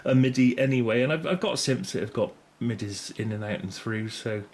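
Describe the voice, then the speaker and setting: Medium in pitch with a darkish tone, this middle-aged British man talks a little fast while reviewing gear for a video. He's unscripted and casual, wandering and hesitant, frequently correcting himself, with clear background noise and room ambience in the recording.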